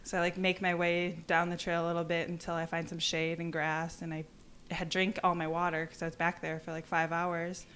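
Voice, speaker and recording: Young woman guest telling a story, lively, does little voices for people, kinda low voice. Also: a little fast, a little hiss or hum. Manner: animated, acts out quoted exchanges. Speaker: podcast guest, endurance cyclist. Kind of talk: casual storytelling. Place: office, indoors.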